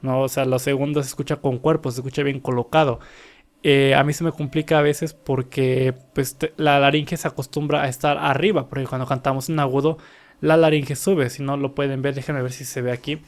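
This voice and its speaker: A young vocal coach with a mid-range voice, level tone and slightly fast pace casually breaks down a singer's vocal technique. He pauses now and then to sing short examples that illustrate his points.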